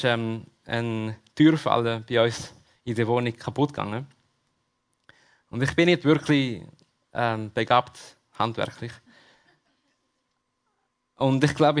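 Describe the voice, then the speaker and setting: A man's voice: mid-range voice, measured pace, pauses often. A man with a Swiss German accent preaching a sermon at a church service, talking straight to the congregation and repeating his key questions. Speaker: pastor.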